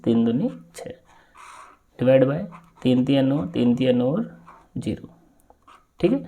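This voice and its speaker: Guy teaching maths for exams, mellow voice, keeps checking u got it. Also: on the high side. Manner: steady step-by-step explaining with frequent check-in questions. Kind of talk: exam-prep maths lesson.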